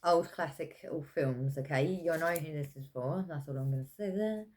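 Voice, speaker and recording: A woman giving a casual pick-a-pile tarot reading, talking in a meandering, hesitant way with many fillers, self-corrections and soft laughs. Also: low-pitched, normal speed. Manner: chatty with frequent soft laughs. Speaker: tarot reader.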